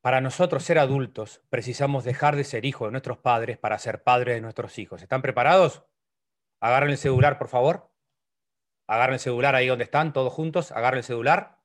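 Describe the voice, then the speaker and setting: Playfully mixing humor into an online motivational talk, a middle-aged psychologist with a Uruguayan Spanish accent jumps between loud, high-pitched complaining voices and soft lines close to a whisper.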